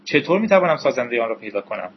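A man's voice: medium pitch, big pitch swings, dull audio, slight background noise, close to an everyday voice. A man voicing an eager young male gamer with a questioning delivery, in an audiobook reading.

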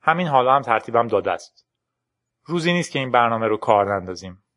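An urgent young woman programmer from an audiobook, hurried and tense as she pushes a friend to run, with a man reading her lines. The delivery stays in a mid-range voice. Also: mid-range voice, big pitch swings, fairly bright tone. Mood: earnest.

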